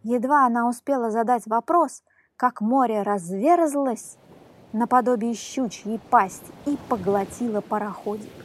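A woman reading a fairy tale aloud in a lively, animated storytelling manner. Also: fairly high pitch, measured pace.

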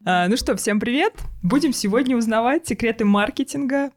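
A woman hosting a podcast, introducing her guest and asking friendly, lively questions. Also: on the high side, fairly quick. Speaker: podcast host. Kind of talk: podcast interviewing.

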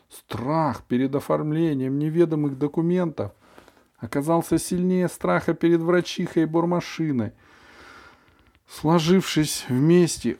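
A male audiobook narrator reading a first-person story with expressive, lively delivery. His voice sits at an everyday middle pitch.

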